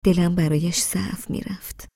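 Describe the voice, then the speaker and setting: A woman narrating a first-person story in a soft, half-whispered reading voice. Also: fairly low pitch, steady tone, slightly rough, dry recording, studio quality.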